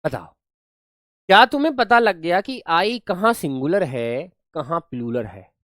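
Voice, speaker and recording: A man's voice: a little high, animated, a little slow, a bit bright, no room sound, clean studio sound. A man teaching English grammar in a live online class, explaining through playful rustic storytelling.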